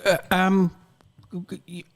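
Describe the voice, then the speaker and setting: A man's voice: high-pitched, monotone, drawn-out words. A man hosting a radio show, rambling and joking in a casual way. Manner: rambling, jokey, hesitant. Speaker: radio host. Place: radio studio.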